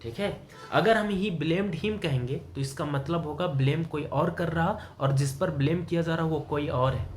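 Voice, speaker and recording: A man's voice: on the high side, a little slow, hardly any pauses, a little hiss or hum. Man teaching grammar by question and answer. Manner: asks the student questions and answers them himself; explains in Hindi mixed with English terms. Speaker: English teacher. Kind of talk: classroom grammar lesson.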